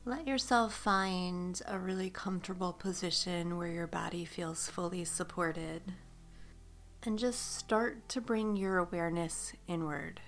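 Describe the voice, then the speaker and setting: A woman guiding a meditation, speaking slowly and soothingly with drawn-out phrases that sometimes soften to a whisper. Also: fairly low pitch, steady tone, faint music behind. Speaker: meditation guide. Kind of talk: guided meditation.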